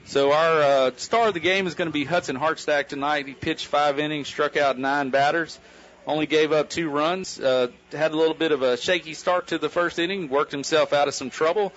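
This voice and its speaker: A man's voice: steady tone, normal speed, a bit bright. American man calling local sports, muffled broadcast sound. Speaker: baseball play-by-play announcer. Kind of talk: post-game sports commentary and interview. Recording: dull low-fi local radio broadcast.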